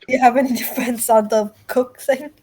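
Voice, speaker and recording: A woman's voice: a little high, fairly even intonation, moderate pace, a little mellow. Giggly teasing woman at a game table. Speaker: player. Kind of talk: casual tabletop game chat.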